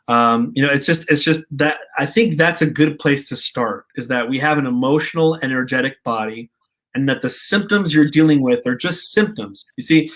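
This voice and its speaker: Appearing as a guest in a casual interview, a male energy healing practitioner speaks passionately and emphatically, with a preachy edge. His voice is mid-range and a bit bright.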